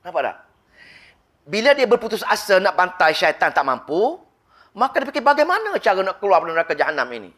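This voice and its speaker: A man with a Malaysian Malay accent giving a Ramadan sermon, telling the story vividly and reciting Quranic Arabic slowly. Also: high-pitched, sing-song, a bit bright. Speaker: preacher.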